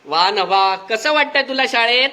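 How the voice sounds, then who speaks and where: A man's voice: very high voice, lively intonation, unhurried, sharp tone. A man hosting a vlog at a village school, teasing the children playfully and giving formal thanks. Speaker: vlogger host. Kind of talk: casual vlog chat with schoolchildren.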